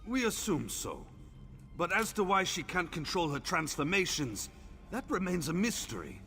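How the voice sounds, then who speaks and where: A man's voice: high voice, very animated, moderate pace, bright, forceful tone, exaggerated voice. An actor playing a friendly, effusive male hunter who welcomes a newcomer like a big brother, in video game dialogue. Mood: storytelling. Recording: game audio with faint music.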